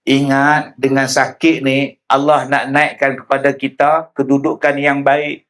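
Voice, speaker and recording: A male preacher, delivering a lively sermon that mixes humor with direct address to the audience. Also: mid-range voice, measured pace. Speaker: religious preacher. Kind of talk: public sermon.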